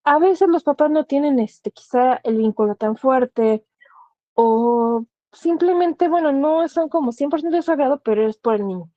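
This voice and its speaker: A woman's voice: sits high, normal speed, dry recording, dull audio. A woman thanatologist, speaking earnestly and giving direct advice, often asking rhetorical questions. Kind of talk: explanatory talk.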